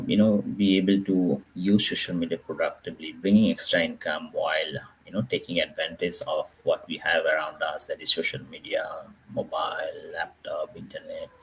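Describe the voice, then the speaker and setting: A man speaks in a very deep voice. He talks in a measured way, pausing often, with a faint hum behind him on a video call. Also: poor audio. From Bangladesh. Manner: measured, with frequent hesitations. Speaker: panelist. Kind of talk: personal introduction on a webinar panel.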